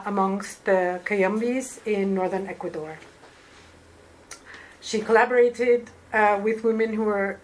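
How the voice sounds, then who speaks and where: A woman moderator introduces a speaker to a small audience in a loose, chatty way. She fills her pauses with "uh" and "um." Faint room noise carries under her voice. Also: medium pitch, low-quality recording. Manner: casual, with fillers. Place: community centre hall.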